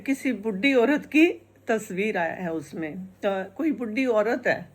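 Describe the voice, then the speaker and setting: A woman's voice: medium pitch, expressive, measured pace, slightly rough. A woman voicing a bossy older mother-in-law who scolds and mocks, inside a spoken folk tale. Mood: scolding. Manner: scolding, mocking.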